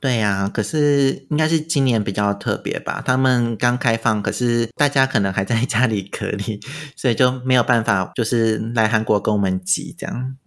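A man's voice: medium pitch, moderate pace, fairly bright tone. A man with a Taiwanese Mandarin accent chatting casually as a guest, recounting his travels. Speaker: podcast guest recounting a trip. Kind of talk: casual chat.

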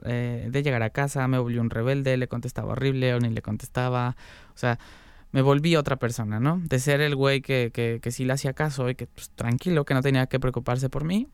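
A man's voice: medium pitch, clear, resonant tone, no echo. Candid young Mexican man telling his story. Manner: candid and animated, laughs often, Mexican slang. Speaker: interview guest. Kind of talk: casual personal storytelling.

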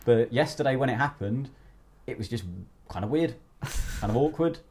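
A man hosting a podcast in casual, sweary chat, telling stories in an animated, blokey way. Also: medium pitch, moderate pace. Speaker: podcast host.

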